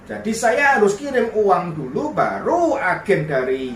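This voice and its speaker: A man telling a personal story in a lively way, slipping into broken English phrases. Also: sits high, a little slow, a little hiss or hum. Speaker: vlogger. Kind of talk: storytelling monologue. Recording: roomy sound, voice distant from mic.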